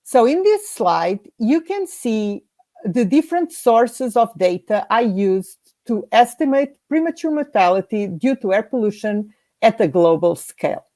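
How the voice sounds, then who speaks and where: A woman from Portugal walks through her slides in a measured, orderly way. Her pitch moves a lot as she goes through each list. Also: expressive, mellow. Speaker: guest scientist presenting. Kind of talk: prepared slide presentation.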